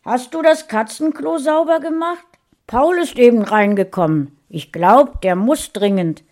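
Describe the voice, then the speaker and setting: A woman voicing a gruff, short-spoken father with a loud delivery. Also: lowish voice, lively intonation, a little slow.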